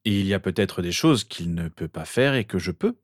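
A man's voice: low voice, animated, normal speed, no echo, clean studio sound. A man reading the part of an earnest, desperate young wizard boy. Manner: pleading, insistent.

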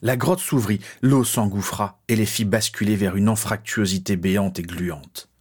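A man reads a fantasy tale in a measured, dramatic way. His voice sits low and has a breathy, husky edge. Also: steady tone, darkish tone. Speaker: narrator. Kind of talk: scripted audiobook narration.

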